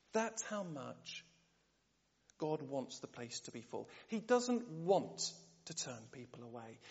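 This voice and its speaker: Lively preacher in reverberant church. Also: male voice, high-pitched. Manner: animated, rhetorical questions to the congregation. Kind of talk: sermon. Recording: dull sound, long church reverb.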